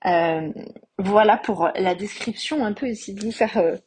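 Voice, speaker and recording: A woman's voice: mid-range voice, a little slow, a little mellow, a little hiss or hum. A woman hosting a perfume podcast, giving a casual spoken review with many hesitations and growing enthusiasm. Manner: hesitant, many fillers, enthusiastic about scents.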